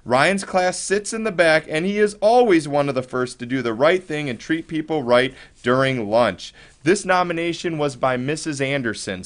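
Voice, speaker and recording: A man's voice: a little high, a bit bright. A man hosting casual, upbeat school morning announcements in an encouraging, chatty, jokey way.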